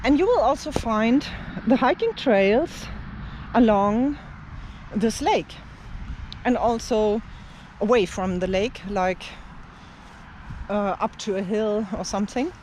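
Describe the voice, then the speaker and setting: An animated, mid-range voice with a darkish tone drifts along slowly as a German-speaking language teacher and travel vlogger talks casually to camera. It's recorded outdoors in an open field with slight background noise, and the speech is loose, rambling, and dotted with fillers and light laughs.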